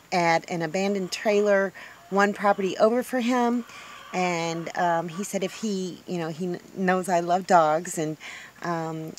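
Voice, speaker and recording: A homestead vlogger in her fifties chats casually to a phone camera she holds at arm's length, standing outdoors on her porch. She rambles, filling her talk with ums and restarts. Her voice is mid-range, with a little hiss or hum in the audio.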